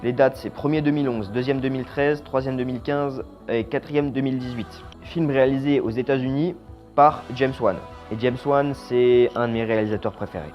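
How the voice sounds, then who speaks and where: A man giving a casual, opinionated horror film review. He is blunt and slangy, and his voice trails off quietly at the ends of phrases. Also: mid-range voice, fairly even intonation, fairly quick. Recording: slightly dull lo-fi sound with faint music.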